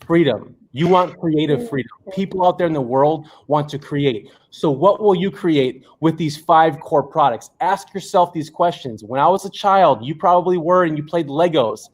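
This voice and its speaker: Man, motivational speaker, rallying and preachy, higher voice. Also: moderate pace, few pauses, husky. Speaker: motivational presenter. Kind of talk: motivational pitch.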